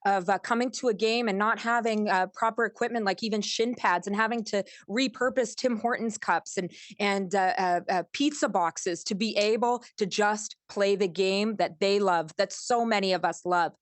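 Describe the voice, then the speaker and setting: A woman's voice: mid-range voice, normal speed, few pauses, dry recording. A woman hosting a press conference, introducing speakers earnestly with many fillers. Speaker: host.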